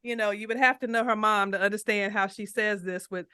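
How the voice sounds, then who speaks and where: A woman hosting a casual interview podcast, talking in an animated, playful way and addressing listeners directly. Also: mid-range voice, fairly quick, smooth, dry recording. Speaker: podcast host and financial coach.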